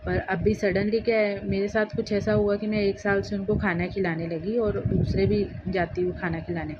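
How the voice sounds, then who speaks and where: A middle-aged woman from Gujarat telling a personal story in a casual vlog, speaking slowly and earnestly and acting out both sides of a dispute. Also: medium pitch, little pitch movement. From Gujarat, India. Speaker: vlogger. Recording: muffled lo-fi with clear background noise.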